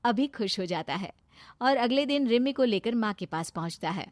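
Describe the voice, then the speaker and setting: A woman narrating a cartoon family story in a calm, plain storytelling manner. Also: on the high side, normal speed, dry recording.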